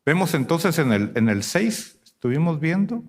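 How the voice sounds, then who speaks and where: A man preaching a sermon to a congregation, asking rhetorical questions and swinging between loud and hushed delivery. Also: fairly high pitch, very animated, normal speed. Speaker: pastor.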